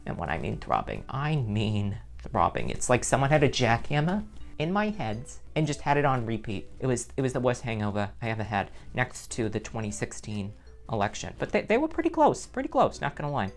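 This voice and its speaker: A woman's voice: a bass voice, huge pitch swings, fairly quick, heavily acted. A woman playing a sassy rambling nun. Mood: chatty. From New Jersey. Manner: rambling, sassy, full of self-interrupting asides. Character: chatty sassy middle-aged nun teacher, woman. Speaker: vlog host. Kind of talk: comedic character vlog.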